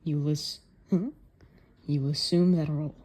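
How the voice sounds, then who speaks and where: A woman's voice: sits low, fairly even intonation, moderate pace, dark tone, pitched below the performer's own voice. A woman voicing a stern, scheming male football coach who speaks in a cold, blunt, commanding way during a manga reading.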